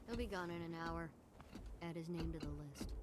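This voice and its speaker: A woman's voice: lowish voice, moderate pace, a little hiss or hum, natural voice. A woman voicing a pragmatic, weary field hospital medic in a video game, matter-of-fact. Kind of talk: scripted game acting.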